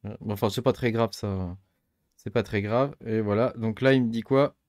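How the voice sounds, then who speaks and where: A man, middle-aged, hosting a casual tech tutorial, thinking aloud and filling pauses with many hesitations. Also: fairly low pitch, darkish tone, no echo, clean studio sound. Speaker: tech channel host. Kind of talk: casual screen-recorded tutorial.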